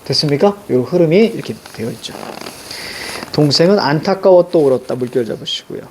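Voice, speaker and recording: A man's voice: fairly high pitch, animated, brisk, darkish tone, a little hiss or hum. A middle-aged male teacher explains a story to students, marking up the text and asking rhetorical questions. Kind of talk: literature lecture.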